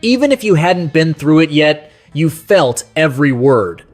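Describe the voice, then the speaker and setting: This slightly high, sing-song voice belongs to a man narrating a scripted nostalgic countdown a little slowly. He tells it in a folksy, conversational, sentimental manner as music plays behind him.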